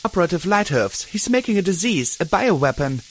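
A man's voice: high-pitched, sing-song, brisk, a little hiss or hum, pitched above the performer's own voice. A man playing an earnest pegasus mare. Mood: brittle, pleading. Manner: brittle, heartbroken.

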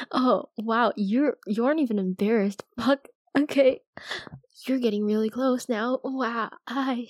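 A woman's voice: a little high, darkish tone, no room sound, studio quality. A young woman voicing a cocky, teasing friend's older sister in an audio roleplay, swearing freely and laughing often. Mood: taunting, then hesitant. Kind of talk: audio roleplay addressing the listener.

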